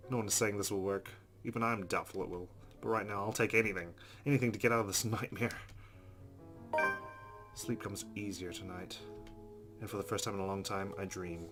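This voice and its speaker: A let's player with a fairly low, steady voice reads game narration aloud expressively at a brisk clip, with game music behind him. He drops in casual, informal asides as he goes.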